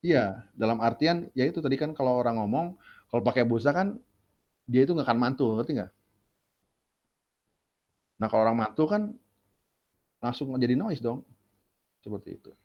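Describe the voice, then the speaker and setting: A university lecturer with a medium-pitched, expressive voice gives a casual, chatty classroom lecture at a normal speed, pausing often. He asks rhetorical questions as he explains, and the classroom recording is dull and lo-fi.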